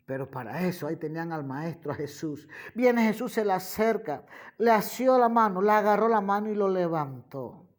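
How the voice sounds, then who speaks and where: A woman preaching a sermon, slow and emphatic, repeating key phrases and addressing her listeners as brother and friend listener. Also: mid-range voice, animated. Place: radio program.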